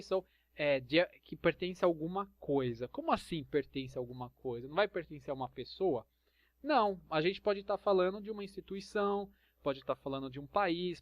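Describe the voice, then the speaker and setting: Brazilian teacher with a slightly high voice. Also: male voice, no echo. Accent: Brazilian Portuguese. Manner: patient, checks understanding with frequent "tá?" and "ok?". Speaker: English teacher. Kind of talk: explaining English grammar in Portuguese. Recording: dull lo-fi sound, dry.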